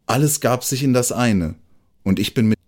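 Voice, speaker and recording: A man voicing a gentle, earnest male mole who talks in a timid, humble way. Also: medium pitch, moderate pace, lightly acted. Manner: timid, dreamy, speaks softly and humbly.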